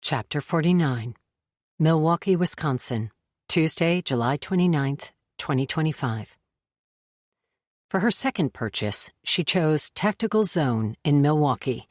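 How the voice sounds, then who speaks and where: A woman narrating a thriller audiobook in a measured, even way. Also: low-pitched, no room sound, studio quality. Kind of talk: scripted narration.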